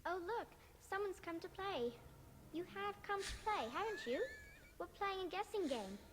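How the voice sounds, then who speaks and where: A guileless, sing-song little girl from a fantasy video game. Her voice is very high and lively, childlike and devoted. It rings in a long hall reverb with faint noise behind it. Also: normal speed. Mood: playful.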